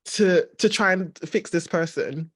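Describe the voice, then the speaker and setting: A woman hosting a podcast, chatting casually and telling a story with lively quoted reactions. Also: fairly low pitch, a little slow, slightly rough. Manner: animated storytelling, frequent laughter. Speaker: podcast host. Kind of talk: casual conversation.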